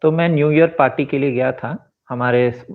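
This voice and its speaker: A man's voice: medium pitch, fairly even intonation. Man in his forties on a tinny line. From India. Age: 40s. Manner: rambling, switches into English phrases, fills pauses with asides. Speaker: vlogger and author. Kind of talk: reflective personal monologue. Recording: tinny phone-like sound.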